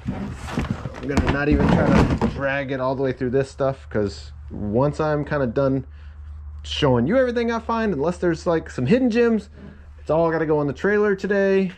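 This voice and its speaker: Digging through a storage unit outdoors, a medium-pitched man keeps up an unhurried, casual commentary, muttering to himself and cheering at good finds. He's a reseller filmed from his point of view on a head-mounted camera, and loud background noise runs throughout.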